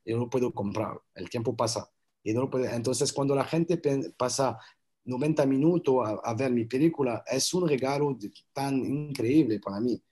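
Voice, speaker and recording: A man's voice: medium pitch, moderate pace, mellow, slightly rough. A man with a non-native accent in Spanish, talking earnestly in a casual interview, repeating words and making grammar slips as he searches for them. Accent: foreign, non-native Spanish. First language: not Spanish. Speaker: interview guest, filmmaker.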